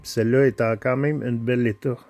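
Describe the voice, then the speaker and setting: This toy car collector, a man with a Quebec French accent, walks through his collection in a casual vlog. He talks slowly and haltingly, with frequent pauses and filler sounds, in a medium-pitched, darkish voice with fairly even intonation. No room sound is audible.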